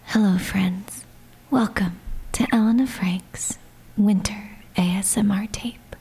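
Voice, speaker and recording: A woman's voice: mid-range voice, steady tone, slow, breathy edge, heavily acted, rough recording. An actress playing a bossy teenage girl who whispers her ASMR tape and snaps at her family. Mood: hushed. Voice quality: whispered, turning sharp and exasperated. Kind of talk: ASMR whispering in a radio play.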